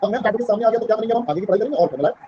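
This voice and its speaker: A man's voice: high-pitched, very fast, highs cut off, a little hiss or hum. A man teaching an online class in a mix of Hindi and English. He keeps checking that the students understand and calls them "beta".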